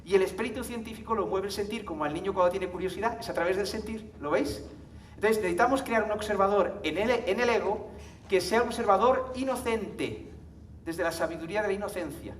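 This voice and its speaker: A man gives a live conference talk in a high, brisk voice, chatting with the audience, often adding tag questions and laughing. The mic picks him up from far off in an echoey hall, with a little hiss or hum.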